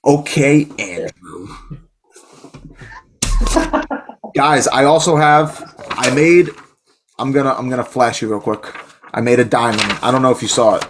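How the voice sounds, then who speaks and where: This is a man chatting casually as a podcast co-host, excitable and rambling, often restarting his sentences. His pitch sits in an ordinary middle range for a man. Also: normal speed, long pauses, noisy background. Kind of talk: casual chat.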